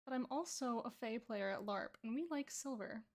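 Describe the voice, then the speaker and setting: A woman's voice: on the high side, normal speed. Playful woman streamer chatting while drawing. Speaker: art streamer. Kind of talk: casual chat while drawing.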